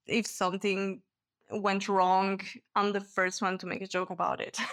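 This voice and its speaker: Her voice sits at medium pitch, a bit bright, with a clear, resonant tone. She's a cheerful Swiss technical diver, Italian by first language, guesting on a casual podcast and laughing frequently between sentences.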